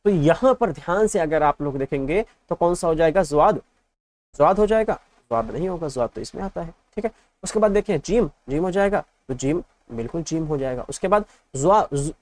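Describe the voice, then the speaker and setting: A man's voice: fairly high pitch, lively intonation, fairly quick, darkish tone. A male teacher giving an exam-prep lesson, patiently drilling letters in repeated lists and asking the class check questions.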